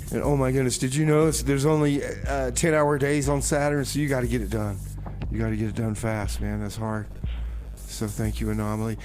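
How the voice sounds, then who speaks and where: A man with a medium-pitched, slightly mellow voice hosts a community radio music show, loosely chatting, introducing songs, trading comedic banter, and repeating himself. A slight hiss or hum runs underneath.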